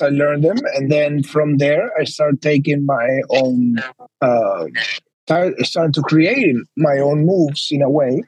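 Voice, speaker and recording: Husky-voiced Argentine man, dry sound. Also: a little high, a little mellow, no room sound, poor audio. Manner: earnest, rambling storytelling. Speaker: guest, flair bartender. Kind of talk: casual interview.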